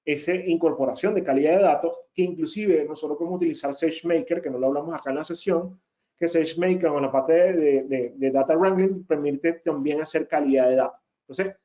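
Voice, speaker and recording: A man's voice: fairly high pitch, quick pace, dark tone. A man giving a technical webinar presentation as a data consultant, explaining step by step and often checking in with his listeners. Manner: emphatic repeated denials. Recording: muffled lo-fi audio.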